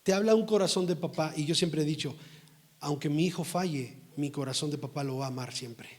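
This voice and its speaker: A middle-aged man preaching a sermon as pastor, emphatic and scolding, rising to forceful outbursts. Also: fairly high pitch, a little fast.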